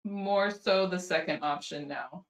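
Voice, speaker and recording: A woman's voice: fairly low pitch, measured pace, reverberant. A woman from California, a guest speed puzzler, chatting upbeat on a video call. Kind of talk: casual video call chat.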